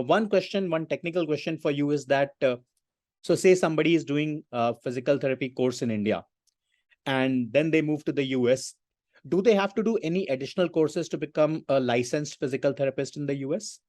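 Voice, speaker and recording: A man's voice: mid-range voice, a little mellow, no room sound, studio quality. A man hosting a podcast interview, asking questions in a formal way with frequent hesitations. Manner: formal, hesitant with many uh fillers. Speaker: podcast host.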